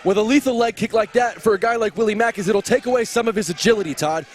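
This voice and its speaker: A man working as a wrestling color commentator, giving excited, emphatic and earnest analysis of the match. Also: high-pitched, fast talker. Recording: loud arena crowd and music behind. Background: cheering crowd and music.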